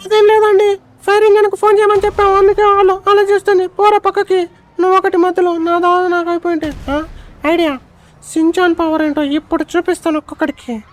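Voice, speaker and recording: A man voicing a cheeky, bossy little cartoon boy in a shrill, squeaky childlike voice, for a fan-dubbed game story. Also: level tone, fairly quick. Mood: brash. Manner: bossy, brash.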